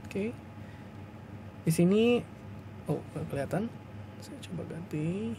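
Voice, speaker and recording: A man teaching a class on video in a slightly high voice. He walks through each step patiently, repeating himself and padding his sentences with soft fillers. A faint hiss runs under the recording. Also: animated, takes it slowly, creaky. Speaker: lecturer. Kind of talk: recorded lecture explaining to students.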